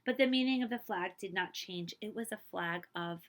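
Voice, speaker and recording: Reading a picture book to a group of children, this librarian uses expressive, emphatic phrasing and drops in offhand asides. Her voice is mid-range and her pace moderate.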